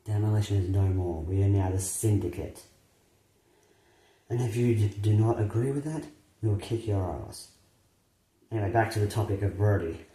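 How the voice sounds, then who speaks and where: A man acts out a brash male wrestler delivering a taunting wrestling promo. The voice is mellow and slightly low, with halting, cocky phrasing, in a roomy, echoey space. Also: lightly acted. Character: brash male wrestling champion calling out a rival.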